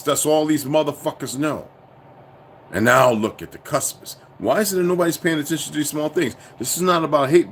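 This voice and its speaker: A commentator delivers a ranting monologue directly to his viewers, profane, preachy and insistent. His pitch swings widely as he presses each point, with a faint hiss beneath his voice.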